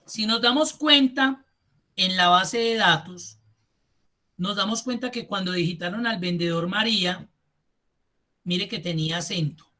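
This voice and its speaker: Man, spreadsheet teacher, online class, bright tone, step-by-step explanations, computer mic. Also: high-pitched, a little slow, long pauses. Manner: explains step by step, addresses students directly. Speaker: Excel instructor.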